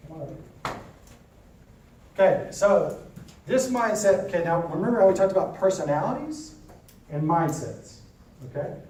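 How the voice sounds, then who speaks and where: A man leads a classroom lesson for real estate agents, with a fairly high voice. He talks casually and keeps checking that the room is following. The sound is heavily echoey and picked up from far off, with a faint hiss. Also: expressive, normal speed, long pauses, a little mellow. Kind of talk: classroom lesson with role-play.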